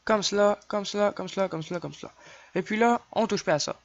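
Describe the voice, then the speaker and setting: Québécois guy narrating a lo-fi game tutorial. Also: high voice. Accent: Québécois French. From Quebec. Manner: chatty, counts clicks aloud, quick apologies. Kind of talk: casual screen-recorded game tutorial. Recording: dull lo-fi dry home mic.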